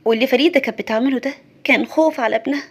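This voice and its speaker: A woman's voice: high-pitched, rapid-fire, husky. Earnest young Egyptian husband telling a family story, narrated by a woman. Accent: Egyptian Arabic.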